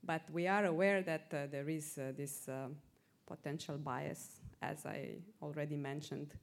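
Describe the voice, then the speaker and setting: A woman presenter answering audience questions at a conference, measured and hesitant, with frequent fillers. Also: low-pitched, steady tone, gravelly.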